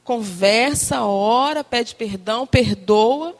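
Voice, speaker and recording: A woman giving an informal, chatty sermon to a congregation, animated and full of tag questions and quoted asides. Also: on the high side, slow pace. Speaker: church speaker addressing women.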